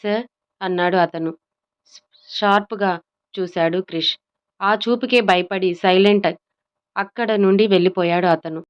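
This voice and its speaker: Smooth గొంతుతో కథ చెప్పే మహిళ. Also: female voice, fairly low pitch, normal speed, long pauses, muffled recording. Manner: smooth even storytelling, acting out all characters. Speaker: storyteller. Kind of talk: scripted audio story narration.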